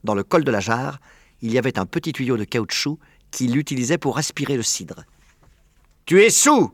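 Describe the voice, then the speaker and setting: A man narrating a children's story aloud in a clear, measured way. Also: medium pitch, no echo, clean studio sound. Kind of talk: audiobook narration.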